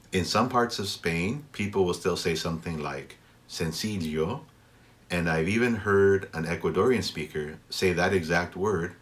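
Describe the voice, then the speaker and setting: A man giving a language pronunciation lesson as a teacher, with measured, instructive delivery and deliberately enunciated example words. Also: deep voice, fairly bright tone.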